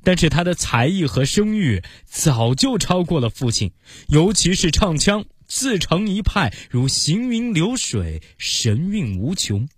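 A man narrating a children's story in an expressive way, speaking to the young listeners as dear babies. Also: fairly high pitch, measured pace, slightly rough, no echo, clean studio sound.

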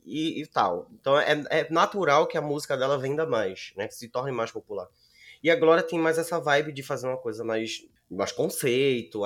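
A man with a Brazilian Portuguese accent hosting a casual podcast chat in a campy, slangy, emphatic way. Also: medium pitch.

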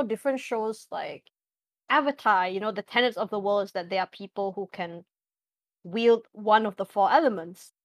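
Appearing as a podcast guest, a young woman who runs tabletop games as a game master talks loosely about it, laughing often and using plenty of fillers. Her voice sits at a medium pitch, with no echo in the recording.

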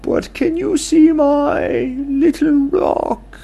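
A man voicing a timid little owl in a bedtime story, with a high, drawn-out, fluttery squeak. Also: steady tone, creaky, dark tone, exaggerated voice. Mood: pleading.

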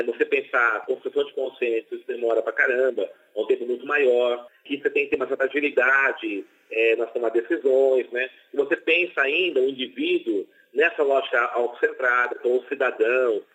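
A Brazilian man speaking as a professor, with a husky, breathy voice. He answers thoughtfully and reflectively, heard on a dull, lo-fi interview recording. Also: mid-range voice, fairly even intonation, a little fast, a bit bright.

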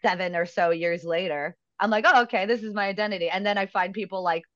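A woman's voice: medium pitch, fast, fairly bright tone, no echo, lo-fi sound. A woman around thirty, a comedian guest, talking candidly and poking fun at herself. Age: 30s. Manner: candid, self-deprecating. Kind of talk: casual chat.

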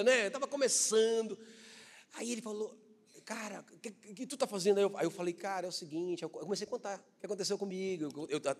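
A Brazilian man preaches a testimony sermon in a high-pitched voice, telling his story in an animated, chatty way full of fillers. His voice rings with a long reverb, as if in a large hall. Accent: Brazilian Portuguese.

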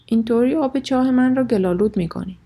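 A woman voicing a gruff man hunter who calls down a well with blunt, demanding questions. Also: a little high, dark tone, voice pushed up. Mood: wary.

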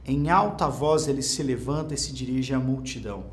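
A man's voice: medium pitch, normal speed, slight background noise. A man from Brazil teaching a Bible class as a sermon, informal and earnest, pushing his voice up for emphasis. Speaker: preacher and teacher.

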